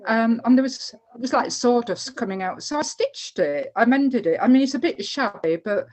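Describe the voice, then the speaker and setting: An older woman on a video call tells a personal story gently and hesitantly, with fillers. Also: on the high side, expressive, normal speed, low-quality recording. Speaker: workshop participant.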